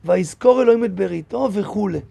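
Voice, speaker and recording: A man, a rabbi, teaching a lively Torah lesson in a synagogue, reading verses aloud and firing rhetorical questions at his listeners. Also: high voice, creaky.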